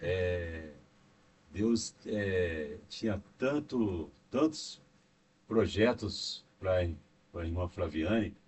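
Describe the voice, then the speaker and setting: A Brazilian man with a lowish voice talks in a devout, meandering way and fills his pauses with tag questions. He sits away from the mic, and faint background noise sits under his voice. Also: animated, darkish tone, far from the mic. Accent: Brazilian Portuguese. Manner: rambling, devout, frequent fillers. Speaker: podcast co-host. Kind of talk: devout casual conversation.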